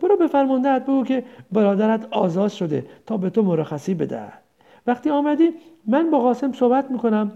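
A woman's voice: fairly high pitch, sing-song, creaky, mellow, dull audio. A woman voicing a rambling old village mother. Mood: tender lament. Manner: rambling, tender, lamenting. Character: old village mother, grieving, confused, doting.

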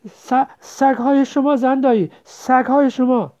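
A man's voice: high-pitched, expressive, mellow, pitched above the performer's own voice. A man voicing a frightened young village girl who pleads and stammers. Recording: dull lo-fi recording.

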